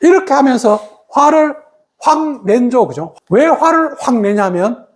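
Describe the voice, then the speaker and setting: A woman's voice: high-pitched, unhurried. A woman giving a meditation lesson, acting out other people's words as she explains. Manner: animated, acts out quoted speech of others. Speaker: meditation teacher.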